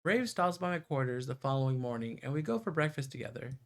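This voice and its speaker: A game streamer reads a visual novel's narration aloud and reacts live as game music plays in the background. He has a medium-pitched voice with big pitch swings and talks fast.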